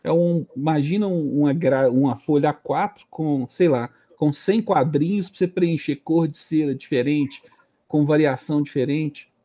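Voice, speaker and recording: Interview guest: male, late 40s, Brazilian Portuguese accent, relaxed dark tone, halting conversational storytelling. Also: a little high. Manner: hesitant, repeats words while thinking. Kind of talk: casual career storytelling.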